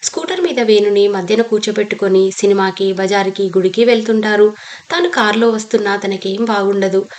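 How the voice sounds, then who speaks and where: A woman's voice: medium pitch, brisk, darkish tone. A woman reading a novel aloud as an audiobook narrator, telling the story steadily and reading every character's lines in her own voice.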